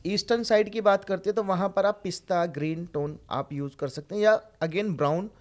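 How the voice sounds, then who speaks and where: A man's voice: high voice, fairly quick, a little mellow. Man explaining Vastu colours, checking "right?". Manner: instructive, checks in with "right?" and "isn't it?". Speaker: Vastu consultant guest. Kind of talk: explanatory interview talk.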